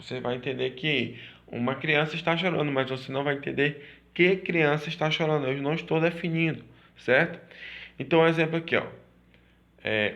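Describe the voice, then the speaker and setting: A man teaching a grammar lesson, repeating points and checking in with quick tag questions. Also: on the high side, creaky, fairly bright tone. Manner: repetitive, checks in with "certo?" and "tá?".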